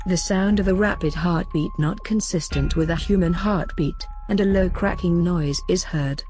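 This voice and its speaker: Mellow, clinical female narrator. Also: on the low side, moderate pace, soft background music. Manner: steady, clinical reading. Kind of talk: scripted narration of a report.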